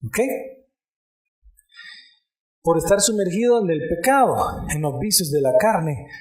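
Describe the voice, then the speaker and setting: A man's voice: fairly high pitch, lively intonation, a little slow, reverberant. A male pastor preaching a sermon, calling "amén" often and speaking straight to the congregation. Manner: preaching with frequent "amén" and direct address to the congregation.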